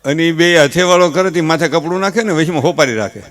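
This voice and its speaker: A man with a Kathiawadi Gujarati accent, a stage comedian mixing folksy, animated stories with earnest advice. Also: on the high side, quick pace. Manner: folksy, animated storytelling with gestures; earnest advising. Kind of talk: humorous stage talk with advice.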